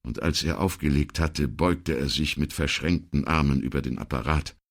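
A man reading a crime novel aloud in a measured, expressive way. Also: extremely low pitch, vocal fry. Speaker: audiobook narrator. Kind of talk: scripted crime-novel narration.

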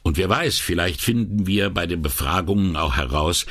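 A man voicing a thoughtful senior police commissioner with a measured, authoritative way of talking. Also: sits low, animated, a bit bright, dry recording, studio quality, exaggerated voice.

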